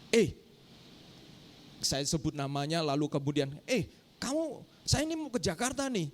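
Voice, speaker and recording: A middle-aged man preaching a sermon as pastor, telling a story and often turning to address the congregation directly. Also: high voice. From Indonesia.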